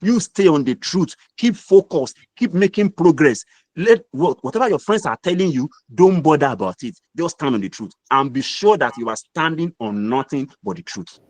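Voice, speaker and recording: A man's voice: a little high, lively intonation, moderate pace, a little mellow, dry recording. A middle-aged man with a Nigerian accent, giving an emphatic, repetitive motivational mentoring talk. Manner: emphatic, repetitive, preacher-like delivery. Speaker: guest mentor speaker.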